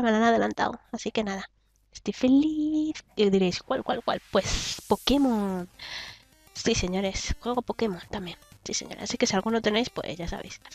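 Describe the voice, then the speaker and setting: A woman's voice: fairly high pitch, no room sound. A young woman giving casual, giggly commentary while playing a video game, humming to herself, her throat a little sore. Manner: chatty, giggly, hums and sings to herself. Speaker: gaming YouTuber.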